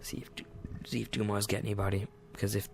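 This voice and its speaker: Male gaming host, casual let's-play chatter, rambling, self-deprecating, low and gravelly delivery. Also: completely flat delivery, quick pace. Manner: rambling and self-deprecating, often muttering asides.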